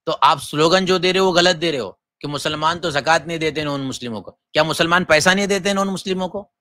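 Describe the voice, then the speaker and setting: A man, a mufti from Gujarat, giving a forceful lecture on religious rules and firing off rhetorical questions. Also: a little high, no room sound. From Gujarat, India. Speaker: mufti teaching Islamic law.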